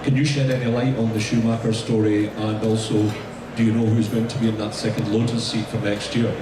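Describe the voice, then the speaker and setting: Low-voiced man with a broad Scottish accent. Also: level tone, a little fast. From Scotland. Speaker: audience questioner. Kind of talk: question at a live public talk. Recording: echoey, noisy venue from far off.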